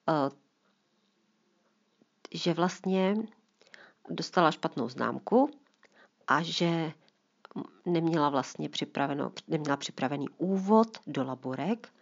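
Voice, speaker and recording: A woman's voice: deep voice, long pauses, dull audio. A woman author talking about her book and reading from it aloud, chatty and explaining. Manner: chatty, explaining, lively emphasis. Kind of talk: storytelling talk and reading aloud.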